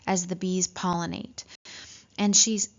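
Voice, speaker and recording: A woman teaching a literature lesson, reading passages from a story and explaining them, often checking in with "right?" and pausing on "um". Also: fairly low pitch, little pitch movement. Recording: dull lo-fi recording.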